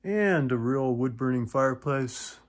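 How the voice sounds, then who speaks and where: With a medium pitch and lively intonation, a man moves a little slowly through a wooden townhome, narrating it as a real estate agent. He lists features in brief, clipped phrases during the indoor walkthrough.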